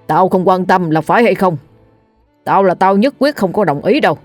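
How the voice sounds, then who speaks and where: A woman's voice: fairly low pitch, normal speed, dry recording, soft background music, natural voice. A woman voicing a stern, hot-tempered old village father who barks bluntly in a spoken ghost story. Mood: angry. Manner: barking, blunt.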